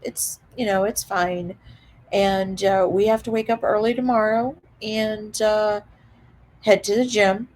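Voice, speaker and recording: A woman vlogger casually retelling a dramatic story, animated, with frequent laughter. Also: mid-range voice, unhurried, a little hiss or hum. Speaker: reseller vlogger.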